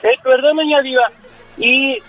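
A male caller on a radio show, talking in an excited, rushed way and mocking people. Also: very high voice, soft background music. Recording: dull phone line.

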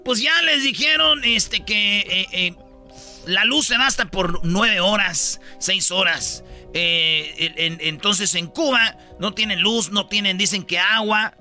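A man's voice: high voice, takes it slowly, sharp tone, faint music behind. A man with a Mexican accent co-hosting a slangy, casual news chat. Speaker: talk show co-host.

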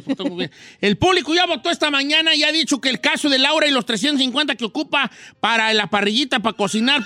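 A man hosting a radio show, bantering playfully with slang and mock drama. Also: extremely high pitch.

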